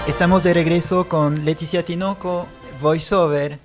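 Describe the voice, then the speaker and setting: A man from Europe with a light, not deep voice, hosting a radio interview in a jovial way and laughing easily. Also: steady tone, moderate pace, loud music behind the voice. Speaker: radio host.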